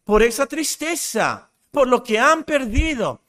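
A man's voice: extremely high pitch, big pitch swings, unhurried, fairly bright tone. A man preaching a sermon with passion, repeating short phrases to drive points home.

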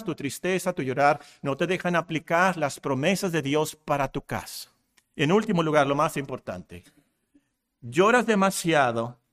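A man preaching a sermon, swinging from loud emphatic peaks to low hushed passages and calling the congregation brothers and sisters. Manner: addresses listeners as brothers and sisters.

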